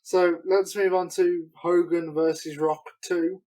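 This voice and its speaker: Relaxed man in casual chat. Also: high voice, slow pace, low-quality recording. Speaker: podcast co-host.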